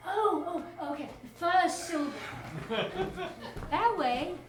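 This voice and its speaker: A woman's voice: very high voice, animated, takes it slowly, full character voice. An actress playing a chatty, irreverent charwoman on stage, laughing often as she talks to a silent listener. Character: chatty middle-aged charwoman, cheeky and irreverent. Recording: echoey stage sound from far off, faint hiss.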